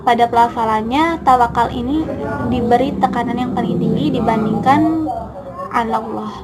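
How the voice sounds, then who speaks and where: A woman's voice: on the high side, moderate pace, very noisy. A young woman student giving a class presentation, explaining steadily and speaking to her classmates with small fillers.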